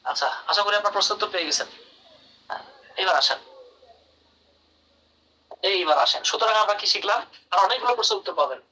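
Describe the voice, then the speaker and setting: A man's voice: sits high, fairly quick, pauses often, bright, forceful tone, far from the mic, slight background noise, poor audio. A man teaching English grammar in a live online class, calling on students by name and praising their answers.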